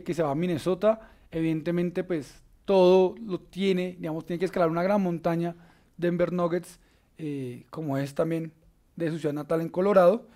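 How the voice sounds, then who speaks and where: A man with a Colombian accent hosting a casual basketball panel, enthusiastic and full of filler pauses. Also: high voice, a little mellow. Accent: Colombian Spanish. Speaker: sports show host.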